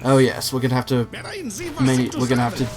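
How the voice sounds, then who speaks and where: A man's voice: medium pitch, completely flat delivery, quick pace. A man hosting a let's play with casual, wry, rambling commentary addressed to the viewer. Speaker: gaming video host. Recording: game music behind the voice.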